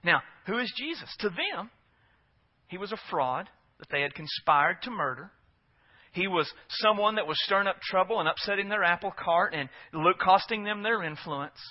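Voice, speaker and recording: A pastor delivers a sermon in a notably high voice, earnest and emphatic, pressing his points home with rhetorical questions. The recording sounds dull and lo-fi. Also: expressive, normal speed.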